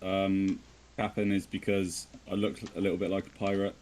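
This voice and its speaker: A man's voice: sits low, completely flat delivery, normal speed, darkish tone. A man with an English West Country accent chatting casually, informal and a little hesitant as he talks about himself. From southwest of England. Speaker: podcast guest. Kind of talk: casual chat.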